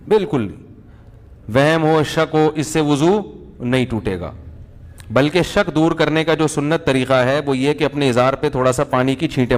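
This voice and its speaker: A man as a religious cleric answering listeners' questions in a colloquial, humorous way, full of anecdotes. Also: mid-range voice. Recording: reverberant hall.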